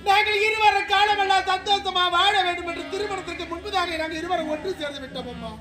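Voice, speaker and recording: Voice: extremely high pitch, fast talker. A performer in a stage drama playing a young orphaned mother who wails and sobs as she laments her lost son. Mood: lamenting. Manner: wailing, sobbing, declamatory lament. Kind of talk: Tamil stage drama acting. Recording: echoey stage recording with music.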